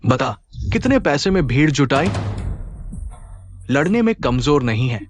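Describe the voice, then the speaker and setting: A man's voice: very animated, unhurried, dull audio, slight background noise. A man voicing an arrogant rich young man who taunts and bullies, talking in a sneering way. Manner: sneering, taunting, swinging pitch. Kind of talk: Hindi-dubbed short drama. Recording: dubbed dialogue over music.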